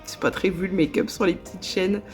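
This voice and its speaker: A woman's voice: fairly low pitch, brisk, a little mellow, faint music behind. A woman with a Northern French accent, chatting casually in a vlog, with lots of fillers and small laughs. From northern France. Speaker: vlogger.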